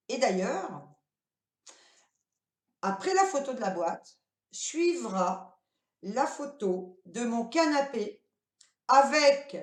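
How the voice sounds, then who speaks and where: An older woman talks through her latest purchases in a relaxed, rambling vlog, peppering her speech with fillers. Her voice sits a little on the high side. The room around her rings with noticeable echo. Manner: chatty and rambling, many fillers and "voilà". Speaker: vlogger. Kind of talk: casual shopping haul vlog. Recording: roomy echoey room sound.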